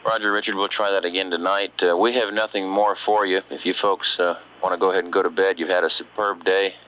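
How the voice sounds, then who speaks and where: A mission control communicator talks to a crew in an air-to-ground radio exchange, his low, fairly bright voice quick and level in tone. The radio link sounds dull, with a faint hiss.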